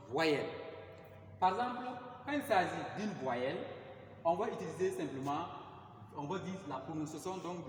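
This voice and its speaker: A man teaching an English lesson in in a slow, repetitive way, full of fillers. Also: a little high. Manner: slow, repeats words, many fillers. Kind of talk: recorded classroom lesson. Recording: roomy, far from the mic, faint hum.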